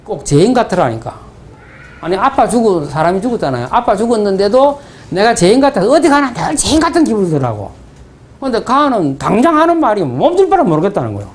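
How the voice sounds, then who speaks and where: A man's voice: high-pitched, very animated, fast. A man with a Gyeongsang Korean accent, preaching a sermon as pastor, asking the congregation rhetorical questions and telling stories in dialect. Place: church sanctuary.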